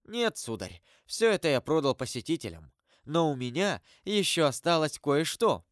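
A man's voice: fairly high pitch, sing-song, normal speed, no room sound, clean studio sound, voice pushed up. A man voicing a humble middle-aged male prison guide, deferential and chatty, lifting his voice to tell his story. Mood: eager. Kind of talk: audiobook character voice.

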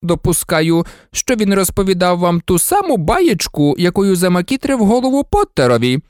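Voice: mid-range voice, huge pitch swings, a little slow, darkish tone, dry recording, clean studio sound, pitched above the performer's own voice. A reader voicing a cold, sneering middle-aged male professor in a storybook, full of contempt.

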